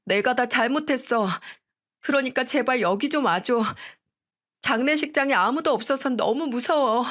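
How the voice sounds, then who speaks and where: A woman's voice: high-pitched, moderate pace, a bit bright, voice pushed up. A woman voicing a remorseful ex-wife who pleads through tears, in a read-aloud radio story. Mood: pleading, tearful. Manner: pleading, tearful. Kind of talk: storytelling radio drama reading.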